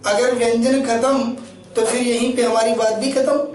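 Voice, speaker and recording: A man's voice: very high-pitched, level tone, normal speed, darkish tone. A man teaching Hindi grammar in a classroom lecture, in a friendly, joking way, asking questions and answering them himself. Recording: very echoey room, voice from a distance.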